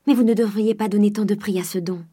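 A woman reading the part of a shy, devoted young provincial heiress, speaking softly and urgently. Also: mid-range voice, fairly even intonation, fast, slightly rough, natural voice. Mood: joyful.

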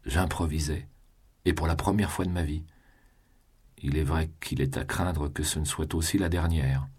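A man voicing a proud young prisoner facing execution, musing in a low, subdued voice. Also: steady tone, normal speed, darkish tone, breathy edge. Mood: brooding.

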